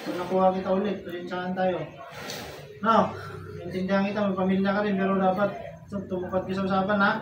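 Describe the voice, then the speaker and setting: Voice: mid-range voice, little pitch movement, quick pace. A faith healer in a deliverance session, sternly interrogating a spirit and prodding with short, taunting questions. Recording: echoey, distant, noisy room sound.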